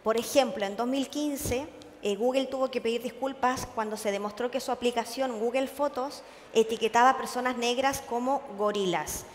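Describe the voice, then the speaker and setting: A woman's voice: on the high side, moderate pace, slight background noise. A woman giving a conference talk to an audience, earnest and full of hesitations, often checking in with her listeners. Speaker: conference speaker. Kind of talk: public lecture to an audience. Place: large conference hall. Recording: long hall reverb.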